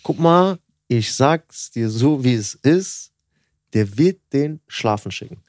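A man's voice: mid-range voice, lively intonation, takes it slowly, darkish tone, no room sound, clean studio sound. A man hosting a podcast in casual chat, pushy and talking over the others, often repeating himself. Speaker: podcast host.

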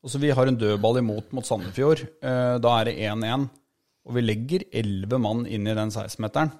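A man's voice: mid-range voice, darkish tone. A man co-hosting a podcast, reflecting and building his argument step by step in casual chat. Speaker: podcast co-host, football fan.

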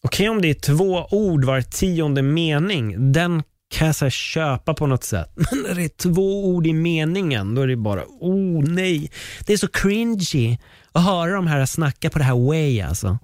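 Podcast guy ranting solo, animated and opinionated, dry room sound. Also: fairly high pitch, no room sound. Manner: opinionated and animated, exclaims and laughs. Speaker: podcast host.

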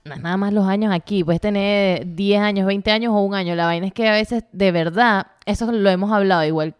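A woman's voice: mid-range voice, fairly quick, smooth, dry recording, clean studio sound. A young woman with a Caracas accent, chatting casually as a podcast co-host, telling stories animatedly and imitating others. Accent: Caracas Venezuelan Spanish. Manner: animated storytelling, mimics voices, laughs often. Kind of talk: casual chat.

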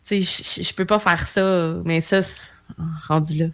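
A woman's voice: on the low side, fairly even intonation, normal speed, smooth. A woman co-hosting a radio show, talking casually with a Québécois accent, with many fillers as she reads out listener messages. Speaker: radio co-host.

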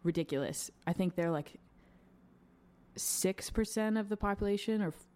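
A woman's voice: medium pitch, normal speed, a little mellow. A young woman from Wisconsin talking casually and candidly, with lots of fillers and the odd swear word. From Madison, Wisconsin. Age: young adult. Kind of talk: casual chat.

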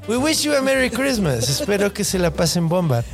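A man telling a slangy, animated Mexican story. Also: high voice, moderate pace, creaky, faint music behind. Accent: Mexican Spanish. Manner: slangy, crude, animated retelling with acted-out quotes. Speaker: podcast host. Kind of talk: casual storytelling chat.

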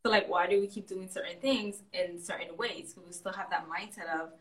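A woman's voice: fairly low pitch, steady tone, brisk, rough recording. A woman podcast host from Haiti, raised in the American South, talking in an enthusiastic and affirming way in a casual conversation. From born in Haiti, raised in the US South. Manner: enthusiastic and affirming, laughs often.

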